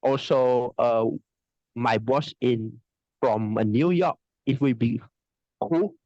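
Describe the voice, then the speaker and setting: Guesting on a casual video-call interview, this online English teacher from Indonesia halts through his answers, constantly restarting and breaking into frequent laughter. His mid-pitched voice is a little mellow and sounds dry and slightly muffled over the call.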